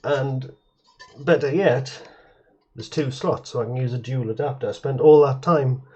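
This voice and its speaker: Speaking a little slowly, this man has a medium-pitched voice that is a bit mellow and slightly rough. He's a retro computer fan giving a relaxed show-and-tell of hardware at a home workbench, full of rambling, hesitation and mid-sentence corrections. The sound is slightly muffled and dull.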